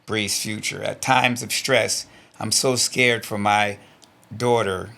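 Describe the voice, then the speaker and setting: Slow and steady, with a low, gravelly, fry-laden voice and a sharp tone, a middle-aged stunt performer reflects in an interview on reading his old journal aloud. He is blunt and earnest, swears freely, and sounds emotional and close to tears.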